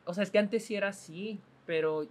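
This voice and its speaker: High-voiced hoarse man. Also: brisk. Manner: animated storytelling, swearing, acting out quoted exchanges. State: hoarse from a lingering cough. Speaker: podcast host. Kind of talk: casual chat.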